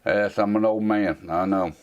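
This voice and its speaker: A man in his forties with a notably deep, low voice. He chats casually through viewer questions in a rambling, folksy, plain-spoken manner, full of "um" and "you know.". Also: steady tone, moderate pace, dull audio. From United States. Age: 40s. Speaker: host answering viewer questions. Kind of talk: casual Q&A chat.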